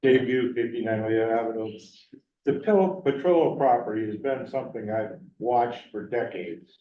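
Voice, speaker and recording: A man giving earnest, measured public comment at a town meeting, slowing down to stress his points. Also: medium pitch. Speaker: resident speaking at public forum. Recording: roomy, distant, dull town hall recording.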